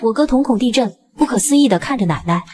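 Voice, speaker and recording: A woman narrating a cartoon story in a brisk, dramatic storytelling way. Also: a little high, expressive, a little mellow.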